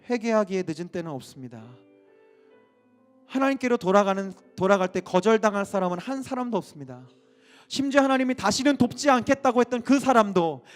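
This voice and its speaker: A male pastor preaching an impassioned sermon full of rhetorical questions. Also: sits high.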